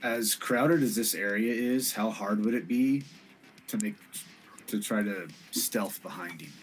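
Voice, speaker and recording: A man's voice: fairly low pitch, measured pace, faint music behind, rough recording. A man playing a tabletop game, asking practical questions about the scene. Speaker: player. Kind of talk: casual chat at a gaming table.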